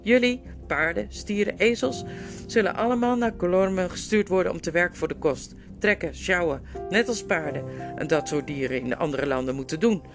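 A woman's voice: on the low side, moderate pace, music in the background, lightly acted. A woman reading a storybook, voicing a scheming, domineering male ape who snaps and sneers. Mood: bossy. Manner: sneering, snapping orders.

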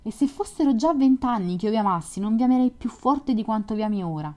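A woman's voice: a little high, animated, fast, a little mellow, pitched above the performer's own voice, lightly acted. A woman reading the part of a lonely, romantic young man in a read-aloud story, with a wistful, earnest delivery. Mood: eager. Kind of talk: audiobook reading.

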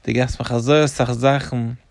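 A man's voice: medium pitch, fairly even intonation, a little slow, creaky, a crowd in the background. A middle-aged man, a rabbi, patiently explaining to a child and listing things with devout, repeated thanks.

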